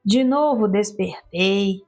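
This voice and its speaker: A woman reading a first-person literary story aloud in an expressive, theatrical storytelling manner. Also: mid-range voice, takes it slowly, soft background music. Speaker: audiobook reader.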